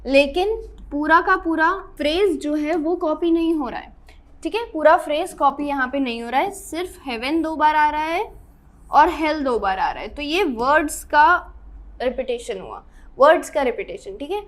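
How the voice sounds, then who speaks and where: Young woman, high voice, grammar teacher, explains step by step, checks in often. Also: animated, a little slow. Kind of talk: grammar lesson in Hindi mixed with English.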